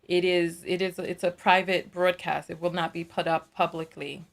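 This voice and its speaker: This livestream host, a New Yorker, has a lowish, creaky voice at a normal speed. She chats casually and reads out viewer comments, laughing a lot and repeating herself in an animated way.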